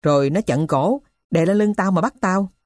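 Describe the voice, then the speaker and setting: A woman voicing a poor middle-aged male thief who tells his story in a rough, blunt way. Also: lowish voice, moderate pace, darkish tone, no room sound, clean studio sound, close to an everyday voice. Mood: gruff.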